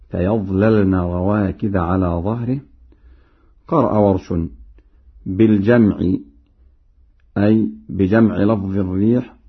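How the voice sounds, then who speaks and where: A man teaching Quran recitation, explaining each reading and then chanting the verse example slowly. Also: on the low side, breathy edge. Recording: narrow phone-like sound.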